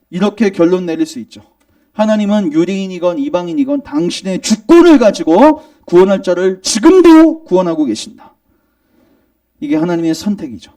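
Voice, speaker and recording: A man's voice: high-pitched, mellow, recorded from a distance. A male pastor preaching a sermon, questioning the congregation and answering himself, pressing his points with emphasis. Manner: emphatic, rising in argument. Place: church sanctuary.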